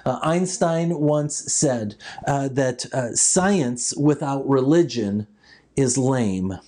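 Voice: medium pitch, mellow. A preacher delivering a sermon with scripture readings, explaining ideas and often rephrasing them.

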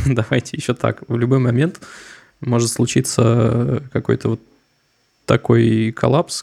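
A young man co-hosting a podcast, speaking loosely and wryly with a touch of sarcasm. His voice has a heavy gravelly fry throughout. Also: mid-range voice, warm tone. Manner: wry, slightly sarcastic, loose and joking. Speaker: podcast co-host. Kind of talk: casual discussion.

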